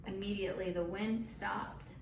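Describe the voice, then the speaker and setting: This woman's mid-range voice is gravelly, with fairly even intonation and a moderate pace, as she tells children a Bible story in simple, encouraging words, emphasizing it dramatically in animated storytelling and chat. The sound is roomy and distant, with faint noise.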